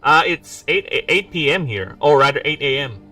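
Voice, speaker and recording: Bright-voiced joking man, mic set back. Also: on the high side, lively intonation, moderate pace. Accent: mixed English accent. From Philippines. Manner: joking, rambling, self-mocking asides. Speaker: indie game developer streaming. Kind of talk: casual livestream chat. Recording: distant mic with faint music. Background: faint background music.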